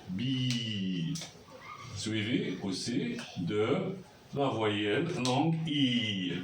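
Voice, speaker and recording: A man teaching a language lesson at a board, patiently repeating sounds and checking that everyone follows. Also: medium pitch. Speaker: Arabic teacher. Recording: roomy echo, mic far off, faint noise.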